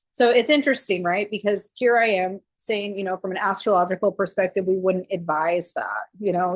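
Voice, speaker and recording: A woman's voice: mid-range voice, dry recording, rough recording. A woman astrologer giving a casual monthly forecast, chatty and full of fillers.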